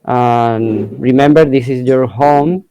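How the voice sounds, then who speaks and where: Male interviewer, slow pace, dark mellow tone, halting non-native English, close dry sound. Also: mid-range voice, smooth, dry recording. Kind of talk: hesitant interview hosting.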